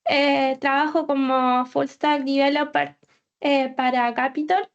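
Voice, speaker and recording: A woman's voice: high voice, level tone, takes it slowly, highs cut off. A woman from Argentina with an Argentine Spanish accent, a full stack developer giving a tech talk, hesitant and full of filler sounds.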